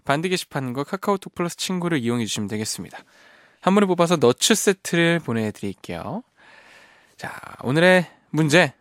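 A man's voice: on the high side, lively intonation, brisk, a bit bright, no room sound. A man hosting a radio show in a studio, reading listener messages and teasing them playfully with frequent laughs. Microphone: studio microphone.

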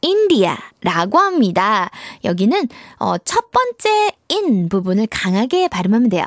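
A woman's voice: mid-range voice, big pitch swings, measured pace, no room sound, studio quality. A woman teaching English to children in Korean, in a cheerful, encouraging way. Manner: cheerful, encouraging, sing-song.

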